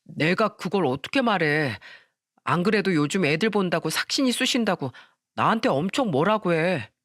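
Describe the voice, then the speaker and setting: A woman doing a slow, reluctant husband. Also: fairly low pitch, expressive, no echo, clean studio sound. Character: weak-willed young husband.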